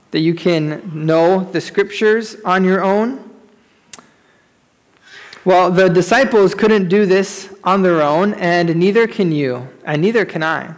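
A man preaching as pastor at a pulpit microphone in a church service, measured and repeating key phrases, with a halting, filler-laden prayer. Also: sits high, in a large hall. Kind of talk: sermon and prayer in a worship service. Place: church sanctuary during a service.

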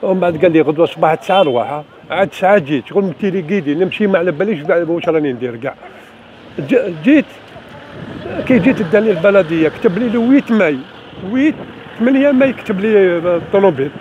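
An older Algerian man tells his grievance in an agitated, repetitive way. He speaks quickly in a high voice for a man. The phone recording is dull, with clear street noise around him. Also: expressive, darkish tone. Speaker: member of the public telling his grievance. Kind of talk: spontaneous spoken account to camera. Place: outdoors on a city street.

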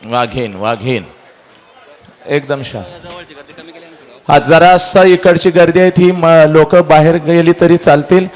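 Middle-aged man, emotional motivational lecturer, fairly high voice, builds drama through repetition. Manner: dramatic, repeats phrases, addresses the listener directly.

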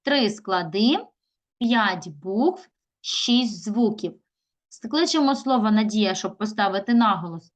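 A middle-aged woman teaches young children in a recorded video lesson. Her voice sits in an ordinary middle range. She often slows down to stretch words out syllable by syllable. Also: medium pitch, animated. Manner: slow, drawn-out syllables when sounding out words. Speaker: primary school teacher.

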